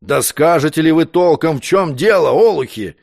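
Imperious prince, quick to anger, deliberate commanding delivery, voiced by a male reader. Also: on the high side, expressive, vocal fry. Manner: commanding, scolding. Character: imperious irritable powerful prince.

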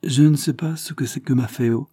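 A man's voice: medium pitch, moderate pace, mellow, husky, no room sound, studio quality, voice pushed up, lightly acted. A man reading aloud and voicing a bold, cold young man from the Calabrian mountains, with an intense, rising delivery. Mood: explaining.

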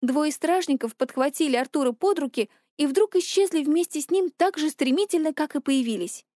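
A woman narrating a story in an even storytelling read. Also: sits high, fairly quick, no echo, studio quality. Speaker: audiobook narrator. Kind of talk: scripted narration.

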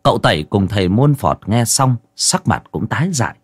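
Guy telling a ghost story, lowish husky voice, dry close sound. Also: a little fast, no room sound. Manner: lively, dramatic storytelling.

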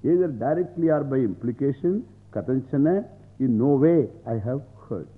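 A man's voice: medium pitch, lively intonation, normal speed. South indian guy, swami giving a scripture lecture, repeats phrases a lot, sounds like its over a phone line. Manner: repeats phrases, explains word by word, argues with rhetorical questions. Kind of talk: scriptural lecture with Sanskrit quotations explained in English.

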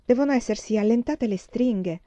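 A woman reading the part of a lively, practical teenage girl in a storybook, her voice raised and brisker than her narration. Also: on the high side, dry recording, pitched above the performer's own voice, close to an everyday voice. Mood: teasing.

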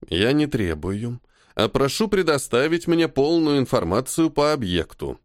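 A man's voice: medium pitch, sing-song, measured pace, no room sound, studio quality. A man reading an audiobook and voicing a gloomy, stubborn army major who answers his superior with barbed sarcasm. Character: stubborn, caustic male army major, subordinate officer. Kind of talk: audiobook character voice.

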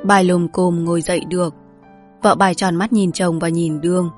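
A woman's voice: lowish voice, steady tone. Woman narrating a storybook, faint music. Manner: measured, polite storytelling. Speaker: audiobook narrator. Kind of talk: scripted narration.

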